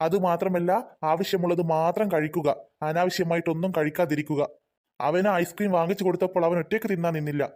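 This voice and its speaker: In a cartoon, a man voices a kind father who patiently lectures his children. His voice is high-pitched, steady, fast, and close to everyday speech, with a gentle, preachy, patient manner.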